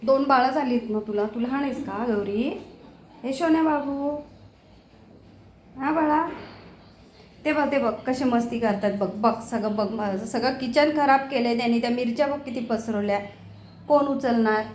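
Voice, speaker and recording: A woman's voice: fairly high pitch, normal speed, long pauses, a little mellow, reverberant. A woman talking to her pets in a home kitchen, scolding them fondly in exasperated baby talk. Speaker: pet owner filming her cats. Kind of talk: casual home video chatter to pets.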